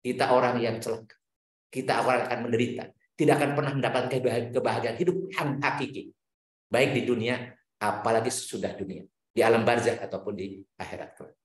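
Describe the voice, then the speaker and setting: A man preaching an Islamic lecture, reciting Arabic verses and telling stories with sweeping swings in pitch. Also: fairly even intonation, a little fast, roomy sound. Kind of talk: religious lecture answering questions.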